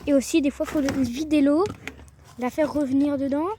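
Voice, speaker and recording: A teenage girl talks to her phone in a casual, rambling way, often trailing off and restarting her sentences. Her voice sits high. She records outdoors beside her chicken coop, with faint noise behind her. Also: fairly even intonation, moderate pace, dark tone. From northern France. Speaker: vlogger. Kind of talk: casual vlog.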